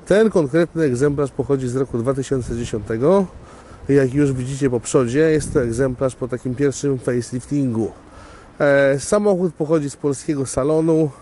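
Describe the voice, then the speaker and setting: A man with a mellow, soft-edged voice shows off a used car, talking straight to his viewers like a friendly salesman. He is recorded on a camera while he walks outdoors on a gravel lot, and faint wind noise sits under his voice. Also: mid-range voice. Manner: chatty salesman, upbeat, addresses viewers directly. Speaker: used car dealer presenting a car. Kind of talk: casual walkaround car presentation.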